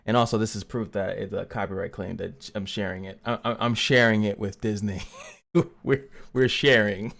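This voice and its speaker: A man's voice: on the low side, fairly even intonation, moderate pace, gravelly, a bit bright. A man hosting a casual gaming commentary channel, joking and chatty as he reviews a character. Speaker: game reviewer and channel host.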